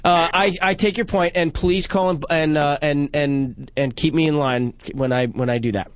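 Male radio host, fairly high voice, dry close sound, casual joking, self-deprecating. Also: fairly even intonation, moderate pace, no room sound. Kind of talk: casual call-in talk.

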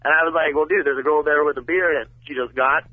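A man's voice: on the high side, steady tone, quick pace, dry recording. A man phoning in to a show, chatting casually and bluntly over a telephone line. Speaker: caller. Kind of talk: casual phone-in chat. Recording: tinny, band-limited phone line.

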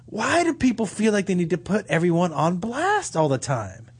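A man's voice: sits high, wildly swooping pitch, moderate pace, slight background noise. A man hosting a casual phone-in show as a comedian, blunt and profane, repeating himself for emphasis. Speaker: talk show host, comedian.

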